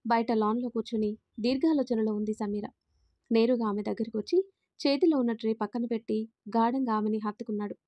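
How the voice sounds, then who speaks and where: Woman storyteller, high dry voice. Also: fairly even intonation, fairly quick, dry recording. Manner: reads all characters in her own voice, lifting louder for quoted lines. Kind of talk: scripted narration with character dialogue.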